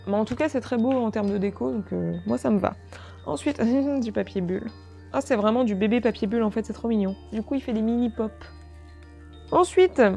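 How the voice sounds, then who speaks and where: A woman's voice: fairly high pitch, gravelly, dark tone. A woman chatting casually through an unboxing video, easily delighted and gushing over small items. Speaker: unboxing vlogger.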